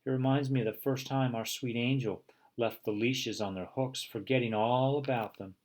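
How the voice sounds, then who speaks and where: A man voicing a gentle, wistful house dog who talks softly of old memories in a storybook. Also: mid-range voice, steady tone, normal speed, pitched above the performer's own voice, lightly acted. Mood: nostalgic.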